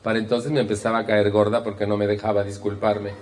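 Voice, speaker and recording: Animated Mexican man telling anecdotes. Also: lowish voice, fast, slight background noise. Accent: Mexican Spanish. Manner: animated storyteller, acts out voices, wry humor. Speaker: speaker on communication. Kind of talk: motivational talk with anecdotes.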